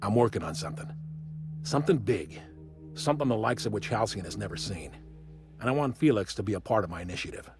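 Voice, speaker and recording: An actor playing an older, condescending revolutionary in a video game, speaking in measured, pompous speeches. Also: male voice, on the low side, expressive, music in the background. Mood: grand, persuasive. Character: grizzled old male revolutionary, condescending and grandiose.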